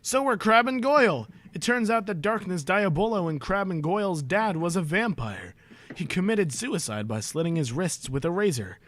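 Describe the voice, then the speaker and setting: A man's voice: high-pitched, very animated, moderate pace, fairly bright tone. A young man streaming a comedic reading of fan fiction, breaking off into sarcastic, exasperated, profane asides.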